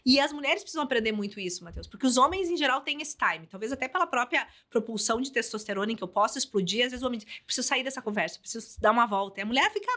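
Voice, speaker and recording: Mulher brasileira de voz aguda e brilhante. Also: female voice, a little high, rapid-fire, few pauses. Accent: Brazilian Portuguese. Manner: animated, explanatory, speaks in advice. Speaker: psychologist and couples therapist guest. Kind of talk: podcast conversation.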